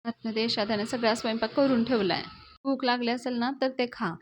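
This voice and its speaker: A carefree young man teases with a sassy, cheeky tone, as a woman reads his lines. The voice stays fairly high for a man. It is a plain retelling rather than a full performance. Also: steady tone, brisk, slight background noise, close to an everyday voice. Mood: teasing.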